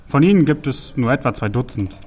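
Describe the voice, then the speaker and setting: A man's voice: mid-range voice, a little fast, lightly acted. A man doing a patient red-haired scholar. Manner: calm, patient explaining.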